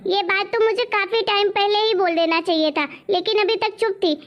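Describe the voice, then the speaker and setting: Brief: woman doing a demanding daughter-in-law, high voice, bossy and defiant. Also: fairly even intonation, normal speed, muffled recording. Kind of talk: family drama acting.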